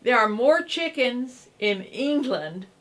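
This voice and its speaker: A woman's voice: fairly high pitch, big pitch swings, takes it slowly, a bit bright. A woman co-hosting a casual radio talk show, eagerly sharing trivia facts and asking her partners to share her delight. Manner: shares trivia eagerly, asks "isn't that interesting?".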